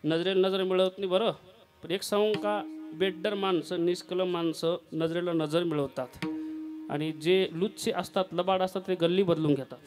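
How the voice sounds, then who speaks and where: Man, kirtan preacher, high voice, animated storytelling, sung verses, faint music behind. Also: normal speed. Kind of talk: devotional kirtan sermon with storytelling and singing.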